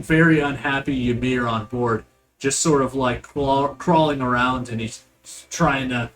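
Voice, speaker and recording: A man's voice: on the high side, fairly bright tone, rough recording. A man acting as game master, casually narrating a tabletop game with improvised, descriptive storytelling.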